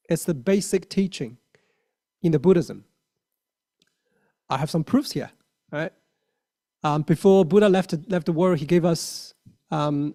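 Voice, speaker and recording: With a mellow voice on the high side, a thirtysomething Chinese man, a lay Buddhist and native Mandarin speaker, offers an earnest dharma talk. His Mandarin accent comes through, as do frequent fillers and restarts.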